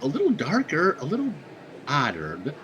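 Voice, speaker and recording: High, lively rambling radio host. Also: male voice, normal speed, lo-fi sound, noisy background. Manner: rambling, profane, lots of fillers. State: hiccups. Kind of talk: casual on-air chat introducing songs.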